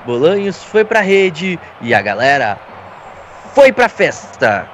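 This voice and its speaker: A Brazilian man giving excited live football commentary as part of a broadcast team. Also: a little high, takes it slowly. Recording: faintly noisy stadium broadcast.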